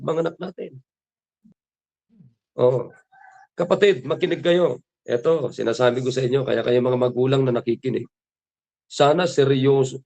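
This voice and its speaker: A man's voice: medium pitch, gravelly, a little mellow. A man with a Filipino accent preaching a morning devotion sermon, who asks his listeners question after question and quotes scripture in English. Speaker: pastor.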